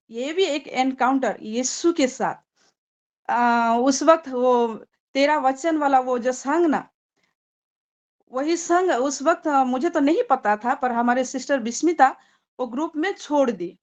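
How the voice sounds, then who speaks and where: A high-voiced woman gives a church testimony, speaking earnestly and gratefully with many small hesitations. She can build to excited emphasis when describing what moved her. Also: dull audio. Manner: earnest, thankful, often pausing with fillers; grows excited and loud when retelling a vision. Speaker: church member giving testimony. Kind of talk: heartfelt spoken testimony.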